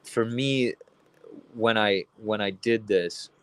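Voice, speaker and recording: A man's voice: on the low side, slow, clear, resonant tone. A young man from Venezuela, an artist talking about his work in a casual interview, rambling with many restarts and fillers. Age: young adult. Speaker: artist guest.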